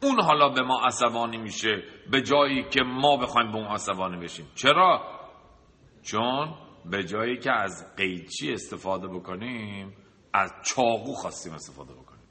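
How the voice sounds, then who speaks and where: Bright-voiced man preaching in a hall. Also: lowish voice, animated. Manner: asks rhetorical questions and lists examples. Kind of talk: sermon with a told anecdote. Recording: long reverb of a large hall.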